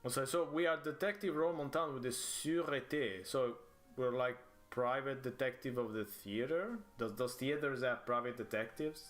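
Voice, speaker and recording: A man's voice: medium pitch, normal speed, a bit bright. A man giving casual let's play commentary, rambling through amused asides and repeating bits of what he hears. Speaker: game streamer.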